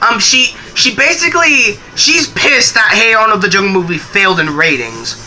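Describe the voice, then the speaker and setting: A man's voice: high voice, lively intonation, normal speed, bright, forceful tone. A young man streaming live and chatting casually, rambling with restarts and some swearing.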